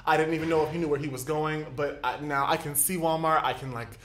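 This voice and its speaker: Young male vlogger, animated and exasperated, high voice, roomy echo. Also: quick pace, slight background noise. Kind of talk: storytime vlog. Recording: echoey room.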